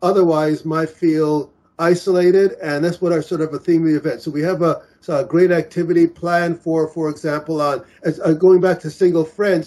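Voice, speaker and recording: A man in his forties who organizes singles events chats casually over a video call, restarting often and filling gaps with fillers. His voice sits on the high side with a dark tone, captured by a laptop webcam in a small indoor room.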